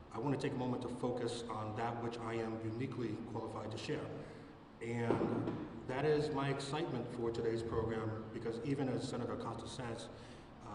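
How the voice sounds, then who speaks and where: A man from South Providence, a state representative, giving a speech at a press conference, with some hesitations and fillers. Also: mid-range voice. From South Providence, Rhode Island. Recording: echoey hall from far off with noise.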